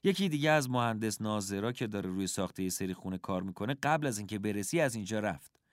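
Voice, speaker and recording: A man's voice: lowish voice, no room sound, studio quality, natural voice. A man voicing an eager young boy, the narrator's friend, in a storybook reading. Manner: eager, excited.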